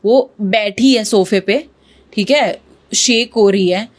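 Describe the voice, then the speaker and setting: Speaking slowly at a medium pitch, this woman is an interview guest on a podcast. She recounts a true ghost story in vivid detail, dropping English words into her Hindi.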